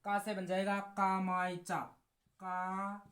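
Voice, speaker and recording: A woman teacher, giving an exam-prep lesson and slowly drilling each word by repeating it. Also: mid-range voice, level tone, fairly bright tone, echoey room. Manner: slow, drawn-out repetition of words, drilling.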